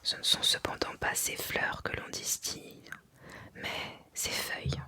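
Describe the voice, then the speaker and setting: This is an ASMR reading in a pure, breathy whisper. The sound is sharp and very bright. The reader moves very slowly and carefully, leaving deliberate pauses between phrases.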